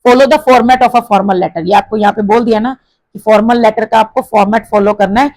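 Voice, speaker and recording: A woman teacher with an Indian accent explaining a textbook exercise, mixing Hindi with English and reading example sentences slowly with stress. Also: on the high side, steady tone, a little mellow, no room sound, poor audio.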